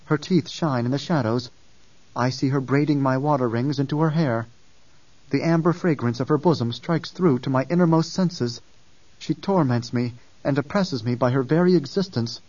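A man voicing a weak, dreamy young visionary who speaks slowly and softly. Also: medium pitch, no room sound, lightly acted. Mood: yearning. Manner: slow, hushed, yearning. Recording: dull distant dry recording.

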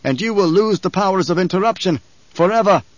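A man doing a loud, imperious emperor. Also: high voice, expressive, fairly quick, no echo, voice pushed up. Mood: commanding, angry. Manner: loud, commanding, scornful. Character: imperious, angry male emperor, threatening. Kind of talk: audiobook character voice. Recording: dull, dry studio recording.

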